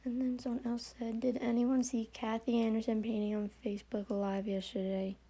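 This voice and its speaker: A woman reading viewer comments aloud for a live painting stream in a steady, flat way. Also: fairly high pitch, normal speed.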